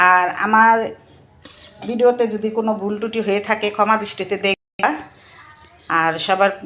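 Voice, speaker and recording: A woman, narrating a casual home cooking vlog and chatting warmly with her viewers as friends. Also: medium pitch. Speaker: cooking vlogger.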